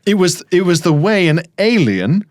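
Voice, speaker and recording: Dry-voiced man telling animated comic stories. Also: high-pitched, normal speed, no echo. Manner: animated, exaggerated storytelling. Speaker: podcast co-host. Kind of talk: casual comedy chat.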